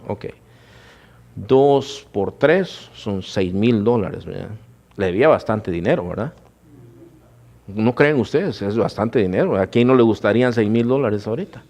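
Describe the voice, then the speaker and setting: A male pastor giving a sermon in a church. He keeps calling the congregation "brothers", asks them rhetorical questions and slows down to stress the numbers. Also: fairly high pitch, darkish tone.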